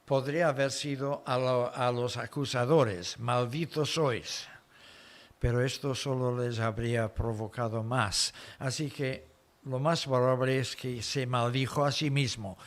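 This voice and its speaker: Speaking Spanish with a foreign accent, a man with a steady, mid-range voice delivers an expository sermon. He unpacks the story carefully, one short phrase at a time.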